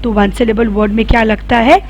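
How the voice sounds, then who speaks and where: A woman's voice: fairly high pitch, steady tone, fairly quick. A woman teaching a grammar lesson. She asks questions and answers them herself, and spells words out letter by letter.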